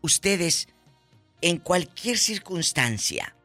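A man hosting a radio call-in show, animated and exclaiming, giving life lessons to listeners. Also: high-pitched, drawn-out words, soft background music. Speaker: radio host.

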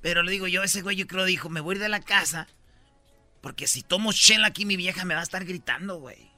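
A Mexican man hosts a casual commentary on viral videos, and his voice is high and very bright. He talks animatedly in slang, and his dry, close recording has no room sound. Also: quick pace, no room sound, faint music behind. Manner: animated, slangy, acts out quotes. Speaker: host.

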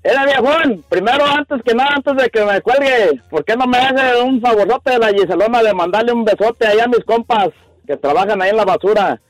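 A Mexican man phones in to a radio show in quick, slangy, chummy bursts. His voice sits high, and the sound is dry and close with faint music under it. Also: no echo, poor audio. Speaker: radio caller. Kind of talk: casual call-in chat.

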